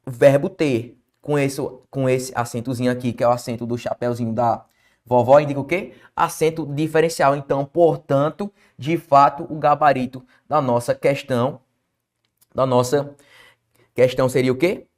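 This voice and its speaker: A man's voice: mid-range voice, fairly even intonation, moderate pace. A man teaching a Brazilian Portuguese exam-prep lesson, emphatic, asking questions and answering them himself. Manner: emphatic, asks and answers his own questions.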